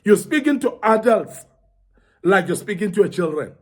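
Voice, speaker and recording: High-voiced man giving earnest motivational talk. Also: very animated, moderate pace. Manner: earnest, repeats for emphasis. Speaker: speaker at a young men's forum.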